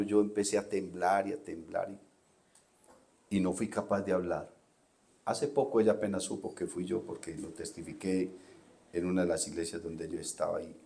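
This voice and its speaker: A middle-aged man with a Colombian Spanish accent, a pastor preaching a testimony sermon that runs from quiet, low storytelling to loud, high shouting, picked up by a distant microphone.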